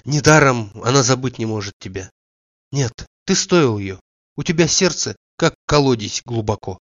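A man plays a calm and warm-hearted friend who reassures gently. He speaks in a measured way at a middle pitch. The recording is dull and dry. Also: dry recording, lightly acted. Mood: moved. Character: calm, steady male friend, warm and teasing.

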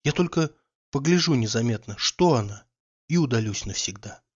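A man reading an audiobook, voicing a fretful, easily exasperated idle gentleman who scolds in an agitated way. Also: mid-range voice, expressive, normal speed, breathy edge, highs cut off. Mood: brooding.

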